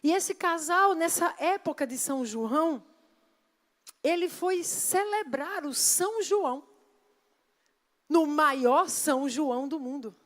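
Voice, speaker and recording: A woman pastor delivers a sermon in a church. Her voice sits high and clear, and she presses her points with emphatic rhetorical questions put to the congregation. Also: lively intonation, slow pace.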